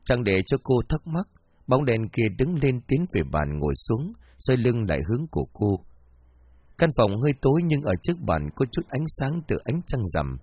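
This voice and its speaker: A man narrating a ghost story in an expressive storytelling manner, as an audiobook. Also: mid-range voice, normal speed, no room sound.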